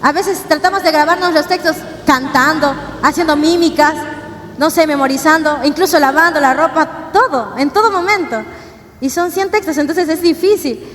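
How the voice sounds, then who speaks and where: A woman's voice: high voice, moderate pace, fairly bright tone. A woman preaching a sermon, giving an earnest, conversational testimony and asking the congregation questions. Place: church. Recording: church hall reverb, faint ambient noise.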